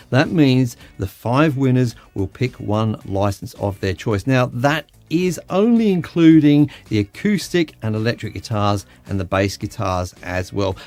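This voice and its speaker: Gravelly man hosting a livestream. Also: medium pitch, darkish tone. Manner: chatty, stumbling over words, quick to laugh. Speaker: livestream host. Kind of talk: casual livestream chat.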